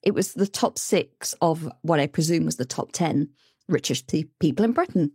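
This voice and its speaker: Relaxed chatty woman host. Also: low voice, moderate pace, slightly rough, no echo, clean studio sound. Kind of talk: casual conversational interview.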